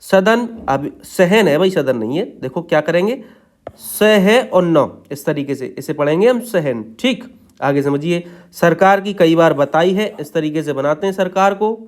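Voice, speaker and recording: Male shorthand tutor, high voice, patient, walks through each word step by step. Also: animated, a little slow. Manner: patient, repeats "ठीक है" after each point. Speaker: shorthand teacher.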